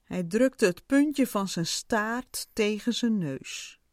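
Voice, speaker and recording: Woman storyteller, slow and expressive, lively higher voice, dry close mic. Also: no echo. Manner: expressive, unhurried reading. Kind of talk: storybook narration.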